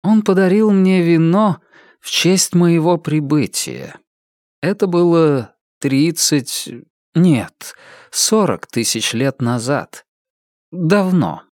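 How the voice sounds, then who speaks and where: A man reading an audiobook, voicing an ancient, gentle angel in a slow, measured, solemn way. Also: on the high side, animated, no echo, studio quality, pitched above the performer's own voice. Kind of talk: audiobook character voice.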